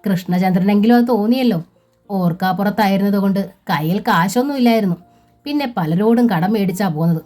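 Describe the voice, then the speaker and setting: A woman's voice: mid-range voice, brisk, dark tone, faint music behind, natural voice. A woman voicing a worried, outspoken middle-aged sister-in-law who lectures in a fretful tone, in a storybook reading.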